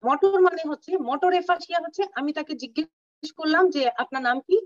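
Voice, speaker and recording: A woman gives an online clinical lecture, slowing down to spell out medical terms and stopping to ask if everyone follows. She sounds set back from the mic on a dull, lo-fi call with a dry, dead sound. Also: very high-pitched, dry recording. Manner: explains terms slowly, mixing English terms, checks understanding. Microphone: video call. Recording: distant, dull lo-fi audio, dry.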